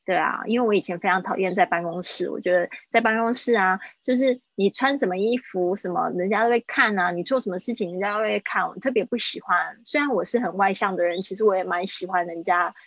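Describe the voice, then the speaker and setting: Woman, English teacher, casual livestream lesson, repeats phrases slowly, breathy voice, slightly muffled sound. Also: mid-range voice, a bit bright, no echo.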